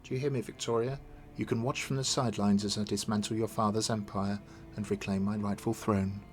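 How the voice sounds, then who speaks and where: A man's voice: lowish voice, level tone, fairly quick, faint music behind, natural voice. A man voicing a resolute, wronged noblewoman in a video game, formal and accusing. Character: stern, wronged noblewoman seeking her throne. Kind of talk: read-aloud of video game dialogue.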